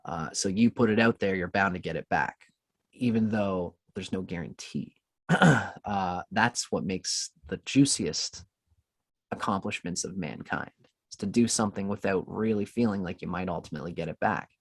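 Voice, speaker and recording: A man on a podcast, calmly telling a spiritual story in an unhurried, reflective way. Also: deep voice, no room sound. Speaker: podcast guest. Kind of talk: casual storytelling in conversation.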